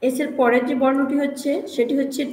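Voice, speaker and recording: High-voiced woman teaching pronunciation. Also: flat delivery, a little mellow, echoey room, long reverb tail, a little hiss or hum, low-quality recording. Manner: slow and repetitive, repeating sounds to drill them. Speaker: English teacher. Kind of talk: spoken pronunciation lesson.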